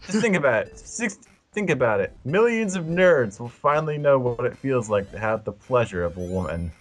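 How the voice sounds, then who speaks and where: A man playing and commenting on a game, excitable and reactive, swearing at the game. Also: mid-range voice, moderate pace, soft background music. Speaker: let's play player. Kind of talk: casual game commentary chat.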